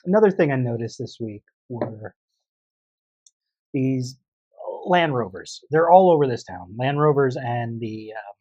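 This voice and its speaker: A man's voice: mid-range voice, animated, measured pace, warm tone, dry recording, highs cut off. A man co-hosting a casual podcast chat, talking in an opinionated way and laughing often. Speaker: podcast co-host.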